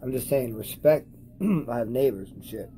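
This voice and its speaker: A high young man rambling profanely and losing his train of thought in a casual vlog. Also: expressive, normal speed, mellow, a little hiss or hum, rough recording. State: high on cannabis. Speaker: cannabis vlogger. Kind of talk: casual stoned rambling to camera.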